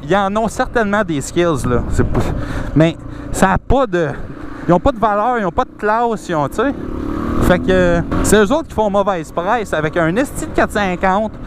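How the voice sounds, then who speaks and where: A man with a Québécois French accent, talking casually to camera while riding a dirt bike on a forest trail, swearing often and asking rhetorical questions. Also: high-pitched. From Quebec. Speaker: motovlogger. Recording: loud engine and wind noise.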